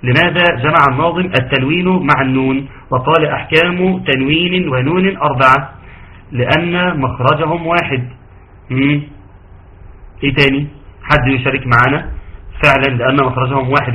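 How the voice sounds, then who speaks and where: An Egyptian man runs a quick-paced online tajweed lesson, firing questions at his students and praising their answers. His voice comes through dull, lo-fi call audio. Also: mid-range voice, fairly even intonation, pushed and bright. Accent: Egyptian Arabic. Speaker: Quran recitation teacher.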